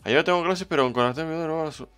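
A man's voice: fairly high pitch, very fast, fairly bright tone, clear, resonant tone, faint music behind. A man with a Spain Spanish accent streaming a game, chatting casually and greeting viewers from the chat by name. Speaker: livestreamer. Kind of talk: casual livestream chat, reading the chat.

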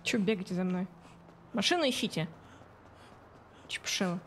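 A woman streams as a vtuber, chatting casually and muttering reactions as she plays. Her voice sits at a middle pitch and she swears freely. Faint game ambience runs behind her. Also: animated, moderate pace, fairly bright tone. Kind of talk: casual livestream gameplay commentary. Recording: game sounds and noise behind voice. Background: video game ambience.

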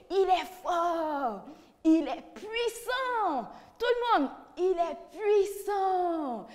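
A woman's voice: high voice, a little mellow, in a large hall. A woman leading a children's church lesson with songs, coaxing and encouraging the little ones with questions. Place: church hall.

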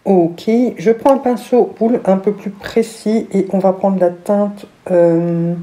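A woman's voice: mid-range voice, steady tone, slow pace, dark tone. A middle-aged woman with a lisp and slushy s sounds, chatting casually through a makeup tutorial. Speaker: beauty vlogger. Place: small room at home, indoors.

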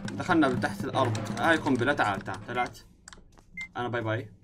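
A young man with a Levantine Arabic accent giving let's-play commentary, excitable and swinging between yelling and muttering to himself. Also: mid-range voice, very fast, soft background music. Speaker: gaming YouTuber.

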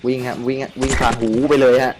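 A man's voice: medium pitch, little pitch movement, fast talker, slight background noise. A man hosting a gaming channel, talking casually over his gameplay, joking and swearing freely. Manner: chatty, swears freely, jokes to himself. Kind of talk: casual game commentary.

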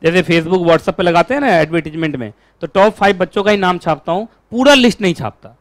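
A man teaching a law class, lecturing in an animated way and asking his students questions all the time. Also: high voice, brisk, dry recording.

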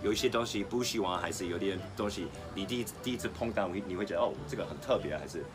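A New York man with an American accent hosts a video channel, conducting a breezy, casual interview full of fillers and questions while switching between English and Mandarin. His low voice races along over background music, recorded at outdoor garden seating beside apartment buildings.

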